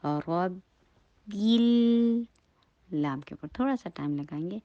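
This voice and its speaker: A woman gives a slow, patient recitation lesson, breaking every syllable apart for her students to copy. The recording is dry and dull, with a lo-fi sound. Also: sits low, expressive, dry recording. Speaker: Quran recitation teacher.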